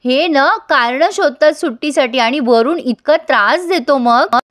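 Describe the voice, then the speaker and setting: High-voiced woman recapping a serial. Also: a little slow, a bit bright. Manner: chatty, amused, laughs often. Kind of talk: casual story recap narration.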